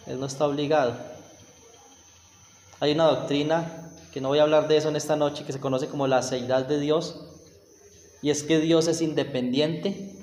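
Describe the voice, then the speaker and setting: A man's voice: fairly high pitch, darkish tone. A man preaching a sermon, emphatic and acting out whiny prayers. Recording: roomy church hall with long reverb.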